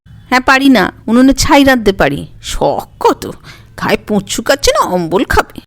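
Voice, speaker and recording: A woman reading a Bengali story, voicing a proud, sharp-tongued young woman in a raised voice. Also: on the high side, expressive, moderate pace, lightly acted. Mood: scolding.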